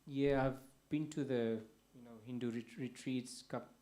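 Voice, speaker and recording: A soft-spoken young man from Fiji tells his story hesitantly, pausing often and restarting his sentences. His voice is flat and even, with a dark, mellow tone. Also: mid-range voice. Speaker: guest. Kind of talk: personal testimony.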